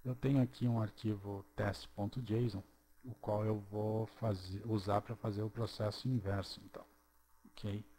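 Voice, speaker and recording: A man narrating a screen-recorded programming tutorial, walking through each step slowly and checking in with "ok?". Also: lowish voice, steady tone, dark tone, slight background noise. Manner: slow, step-by-step, checks in with "ok?" and "certo?".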